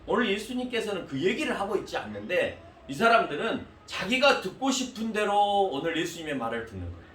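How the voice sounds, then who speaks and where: Animated pastor in an echoey church. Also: male voice, sits high, a little fast, slight background noise. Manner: animated, addresses the congregation directly with questions. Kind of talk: sermon. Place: church hall. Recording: echoey hall, mic at a distance.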